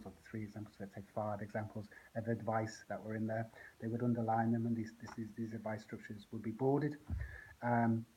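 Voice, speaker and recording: Language teacher guy talking through his lesson plan, low-ish flat voice, lots of pauses, bit of hiss. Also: low-quality recording. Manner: unscripted, thinking aloud with frequent pauses. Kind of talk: explaining a lesson plan aloud.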